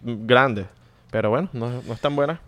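A man co-hosting a relaxed video chat. He jokes easily and tosses English words into his Spanish. His voice has a typical middle pitch for a man. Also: moderate pace. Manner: joking, mixes in English fillers. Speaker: co-host. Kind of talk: casual chat.

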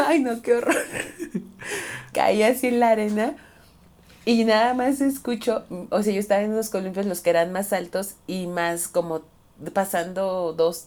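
A Mexican woman in a casual podcast chat with a lowish voice for a woman. She tells her own mishaps in an animated, self-mocking way and laughs often. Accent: Mexican Spanish. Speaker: podcast co-host.

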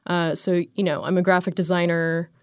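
A woman's voice: on the low side, little pitch movement, moderate pace, a little mellow, smooth, no room sound, studio quality. A woman in her thirties from the United States, chatting casually as an interview guest, rambling with many fillers and restarts. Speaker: guest, graphic designer.

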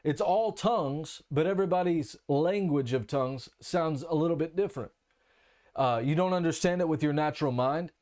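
A man's voice: a little high, moderate pace, a little mellow. Candid, conversational male preacher. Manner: candid, conversational, frequent restarts and fillers. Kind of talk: teaching sermon with personal testimony.

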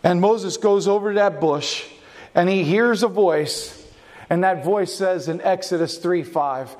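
Man, high voice, pastor preaching to a congregation, asks and answers questions. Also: a little slow. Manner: varies his pace and loudness for emphasis. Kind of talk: sermon.

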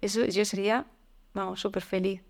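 A woman, a podcast guest talking openly and reflectively, with frequent fillers and soft laughs. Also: mid-range voice, little pitch movement, normal speed. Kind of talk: candid conversational interview.

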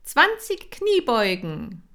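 A woman voicing an eager, bossy young girl who calls out karate drills with loud, drawn-out commands in a children's audiobook. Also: medium pitch, very animated, pitched above the performer's own voice. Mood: commanding.

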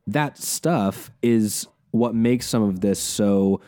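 A man co-hosting a casual podcast, animated and quick to laugh, with many fillers and restarts. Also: on the low side, no echo, clean studio sound. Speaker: podcast co-host.

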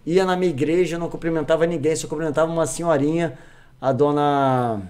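Animated Brazilian man, fairly high voice. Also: a little fast. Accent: Brazilian Portuguese. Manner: animated, repeats phrases for emphasis. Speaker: podcast guest. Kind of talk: casual chat, personal storytelling.

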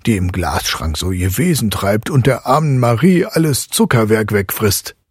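A man voicing a calm, reasonable middle-aged father who talks in a measured, slightly exasperated way. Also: fairly low pitch, slightly rough, no echo, studio quality, voice pushed up.

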